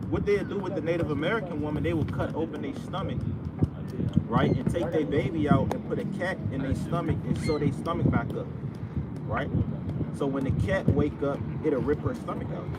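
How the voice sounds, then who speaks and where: A man preaching outdoors on a riverwalk, stressing each point with "right?" and "brother". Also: fairly high pitch. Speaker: street preacher. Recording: distant outdoor recording with loud traffic noise.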